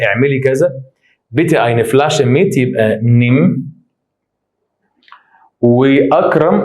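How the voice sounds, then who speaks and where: A man with an Egyptian Arabic accent, teaching German grammar by walking through exercises and reading the sentences out slowly. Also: medium pitch, a little mellow. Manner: quick explanatory, reads German slowly. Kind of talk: exam exercise walkthrough.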